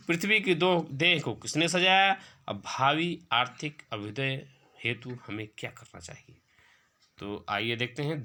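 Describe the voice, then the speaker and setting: A man's voice: mid-range voice, bright, forceful tone. A man teaching an exam-prep lesson, reading questions aloud and then explaining and dictating the answers. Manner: slow, drawn-out recital when reading verse.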